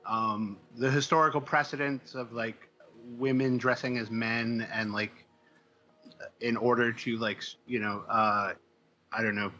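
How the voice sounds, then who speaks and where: This interview guest is a comic book writer from the American Midwest, spinning casual stories with plenty of hesitation and digression. He speaks unhurriedly in a mid-range, steady voice with a sharp edge. The recording sounds dull, with a little hiss or hum.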